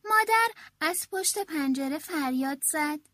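A woman reading a children's story aloud in the first person, with an expressive, animated delivery. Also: high-pitched, dry recording, studio quality.

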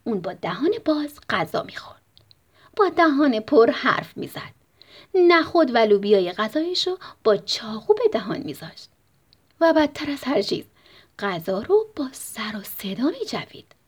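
A woman reading a bedtime story with a husky, breathy voice. Her pitch swings expressively and she often slips into a whisper. She speaks gently to young listeners. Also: sing-song.

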